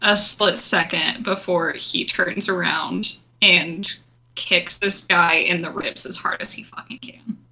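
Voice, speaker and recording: Bright-voiced woman tabletop player. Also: fairly low pitch, fairly even intonation, slow, rough recording. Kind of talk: casual improvised action description.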